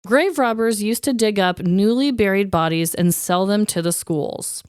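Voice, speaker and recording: A woman's voice: mid-range voice, normal speed, darkish tone, clean tone, no echo, studio quality. A woman co-hosting a podcast in casual, chatty style, with a slightly wheezy voice and a playfully dramatic, emphatic way of talking. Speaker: podcast co-host.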